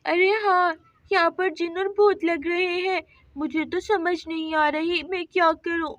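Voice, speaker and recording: A woman's voice: very high voice, steady tone, unhurried, fairly bright tone, dry recording, highs cut off. A woman voicing two young daughters who whine and plead in a doll story. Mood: whiny. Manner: whiny, pleading, tearful.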